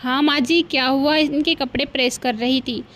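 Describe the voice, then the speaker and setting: A woman's voice: sits high, steady tone, normal speed, a bit bright. A woman voicing a naive young daughter-in-law. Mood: polite.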